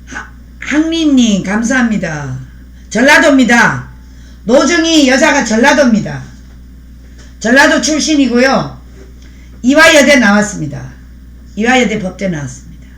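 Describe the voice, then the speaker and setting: A woman's voice: on the high side, big pitch swings, a little slow, pauses often, fairly bright tone, reverberant. A woman hosting a live stream, speaking in a fiery, preachy way and thanking viewers by name as she reads their comments. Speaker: livestream host.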